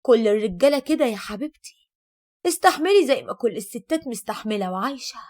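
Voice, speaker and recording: A woman voicing an older mother with an Egyptian accent, who speaks calmly and sarcastically. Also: fairly high pitch, fast, lightly acted. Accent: Egyptian Arabic. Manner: calm, dismissive, sarcastic.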